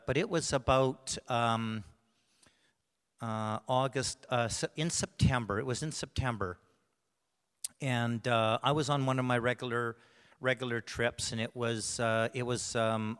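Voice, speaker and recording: A man with a cough gives a personal testimony in a church, his voice smooth and resonant with a long hall reverb trailing behind it. He speaks at a middling pitch, halting and restarting often. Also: fairly bright tone. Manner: halting, with many restarts and fillers. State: bad cough, clears throat. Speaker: church member sharing a testimony. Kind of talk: personal testimony told to a congregation.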